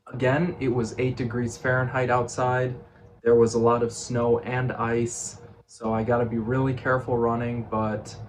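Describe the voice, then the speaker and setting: A man records a casual vlog in an unhurried, slow delivery. He thinks aloud in short, reflective phrases. His pitch is middling, and faint ambient noise sits behind him. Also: poor audio. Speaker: vlogger. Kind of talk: casual vlog monologue recapping workouts.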